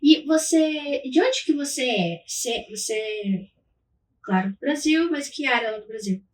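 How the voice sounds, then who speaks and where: Higher-voiced woman host asking questions. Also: expressive, measured pace, far from the mic, a little hiss or hum. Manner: friendly, asks short prompting questions. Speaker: podcast host. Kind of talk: interview questions.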